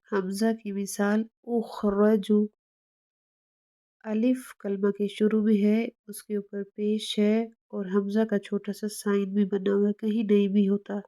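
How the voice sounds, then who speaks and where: A woman teaching recitation in a slow, patient way, stopping to sound out each letter. Her voice is mellow and soft-edged. Her pitch stays level and barely rises or falls. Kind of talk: tajweed lesson.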